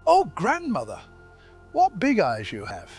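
A trusting little girl from a storybook, sweet and wide-eyed, pitched well above a man's usual voice, as a male narrator puts her on. Her lines rise and fall in a lively way, with faint music behind. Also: unhurried, full character voice. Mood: wondering. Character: little girl in a red cap, innocent and trusting.

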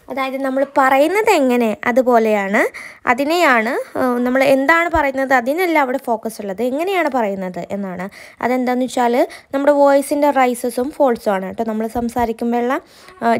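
Woman, Kerala accent, young adult, high-pitched, tutor, slow dictation, quick explanations. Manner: reads English definitions very slowly, then explains them quickly in Malayalam; checks in with the listener through rhetorical questions. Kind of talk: exam-prep lecture.

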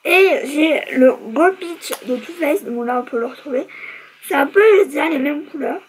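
A woman's voice: high voice, animated, moderate pace, poor audio. A young woman vlogger chatting casually through a beauty product review, chatty and self-mocking, with lots of fillers.

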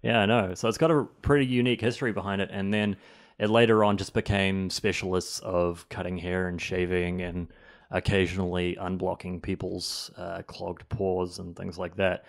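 A young man, a barber guest, chatting enthusiastically in a podcast interview in a small home studio on a boom mic. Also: level tone, moderate pace. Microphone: studio boom mic with headphones.

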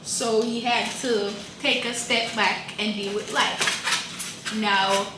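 A woman's voice: medium pitch, steady tone, takes it slowly, recorded from a distance. A young woman co-hosting a food vlog in a casual, slangy, laid-back way. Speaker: vlog co-host. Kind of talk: casual chat. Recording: echoey room, off-mic, background noise.

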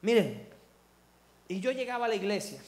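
A man's voice: high-pitched, big pitch swings, moderate pace, darkish tone, reverberant. A man giving a fervent church testimony, calling the congregation his brothers.

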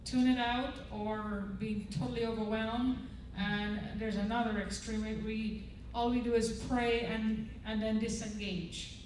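Holding a microphone on a large church auditorium stage, an older woman delivers a chapel devotional and prayer, earnest and chatty, regularly checking in with the crowd. Her voice is on the high side, darkish and flat, a little slow with few pauses, distant in an echoey hall with slight hiss or hum.

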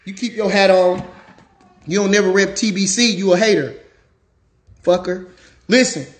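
A high-pitched man in his late thirties riding a hyped livestream rant. He is a former boxer, and he talks brash and loud, trash-talking and calling people out, sometimes shouting. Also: normal speed.

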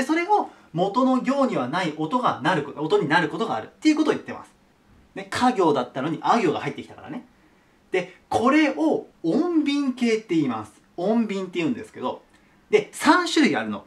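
A man teaching a grammar lesson at a whiteboard, chatty and animated, talking to viewers as his students. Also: sits high.

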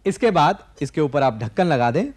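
A man's voice: fairly high pitch, lively intonation, a little fast, loud music behind the voice. A man in his forties hosting a televised cooking demonstration in a studio kitchen, explaining each step directly to viewers. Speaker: TV cooking show host.

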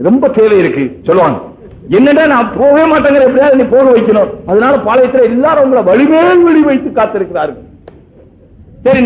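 A man giving an Islamic sermon, telling everyday stories in a chatty way and asking his listeners questions. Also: sits high. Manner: conversational storytelling with rhetorical questions. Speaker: Islamic preacher. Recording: echoey, phone-like lo-fi sermon recording.

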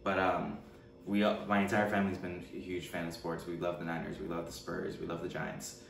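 Low, flat-voiced young man, roomy far mic. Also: brisk, creaky. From Richmond, California. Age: 20s. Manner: hesitant, many fillers and restarts. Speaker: documentary interviewee. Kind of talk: casual interview answers. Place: room at home, seated. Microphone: far camera mic. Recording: roomy echo, distant mic, faint hum.

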